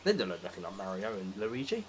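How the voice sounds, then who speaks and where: A British podcast speaker with a low, sing-song voice talks quickly in a casual, opinionated film discussion, launching into emphatic, exasperated rants full of swearing. A little hiss or hum runs under the recording.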